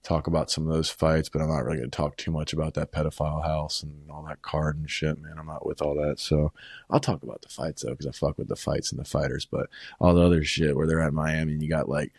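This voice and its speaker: A man's voice: rumbling low, flat delivery, quick pace, creaky, a little mellow, dry recording, studio quality. A man casually recapping fight events at home, rambling and swearing, tossing in "bro" and "man" constantly. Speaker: combat sports vlogger.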